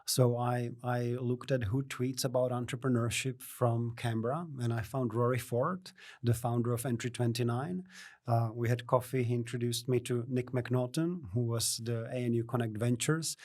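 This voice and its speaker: A middle-aged man from the Czech Republic, a native Czech speaker, answering interview questions in a measured way with many fillers and restarts. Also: medium pitch, steady tone, darkish tone, dry recording, studio quality. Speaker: guest, innovation network CEO. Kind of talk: podcast interview.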